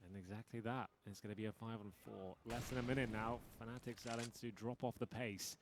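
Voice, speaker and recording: A man working as an esports caster, giving live play-by-play commentary that moves between measured analysis and excited calls. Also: lowish voice. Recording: clearly noisy, game gunfire behind. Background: video game gunfire.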